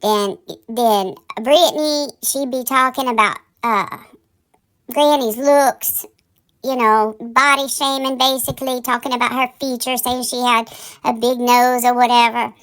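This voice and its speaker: A woman with a highish, steady, slightly bright voice speaks a little slowly as she delivers casual gossip as an online drama commentary host. Her manner is theatrical, sassy and campy in a drag-queen way, folksy and colloquial, and her listeners are her darlings.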